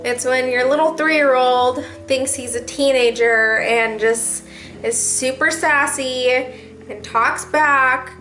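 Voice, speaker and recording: A woman's voice: high voice, steady tone, takes it slowly, sharp tone, soft background music, low-quality recording. A young adult woman, a mom vlogger, venting casually to camera in a chatty, rambling way with lots of fillers. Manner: chatty, rambling, laughs often, many fillers.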